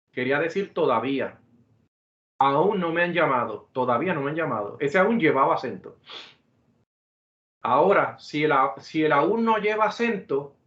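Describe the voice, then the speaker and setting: Male teacher, fairly high voice, deliberate explanatory lecture, roomy echo, muffled lo-fi sound. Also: fairly bright tone. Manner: deliberate, explanatory, repeats examples and self-corrects. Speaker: math teacher. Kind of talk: virtual classroom lecture.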